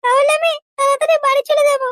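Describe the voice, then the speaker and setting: A squeaky cartoon girlfriend. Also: level tone, a bit bright, no echo, soft background music. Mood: chatty. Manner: indignant, quick to take offense. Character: squeaky young woman, prim and touchy girlfriend. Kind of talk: cartoon comedy dubbing.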